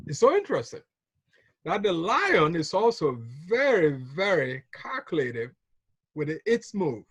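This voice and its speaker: A man's voice: high-pitched, no echo. A man from Ghana giving a motivational business talk on a call, telling stories, repeating key phrases and chuckling often. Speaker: business trainer.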